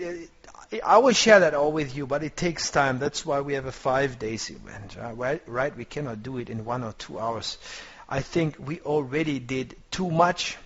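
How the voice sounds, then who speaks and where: A man's voice: mid-range voice, fairly bright tone. A man teaching a trading course, coaching his students in a motivational way and often searching for words. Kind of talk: online course lecture. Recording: dull lo-fi compressed audio.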